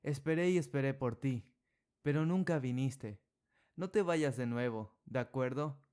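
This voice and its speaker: A man's voice: a little slow, a little mellow, clear, resonant tone, close to an everyday voice. A man voicing a clingy, tearful five-year-old girl in a storybook. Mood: pleading. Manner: high, pleading child's voice.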